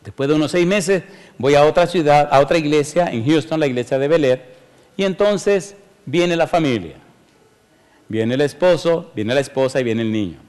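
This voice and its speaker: A man's voice: on the high side, normal speed, a little mellow, smooth, in a large hall. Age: adult. Sex: man. Role: preacher. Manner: storytelling, emphatic pleading. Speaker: pastor. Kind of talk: sermon with altar call. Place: church.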